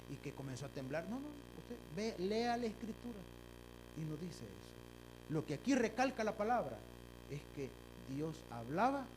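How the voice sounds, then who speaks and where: Emphatic pastor preaching over a hum. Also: male voice, a little high. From El Salvador. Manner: emphatic preaching, keeps calling listeners brother, swings between hushed and loud. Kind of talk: sermon. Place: church sanctuary. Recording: steady electrical hum behind the voice.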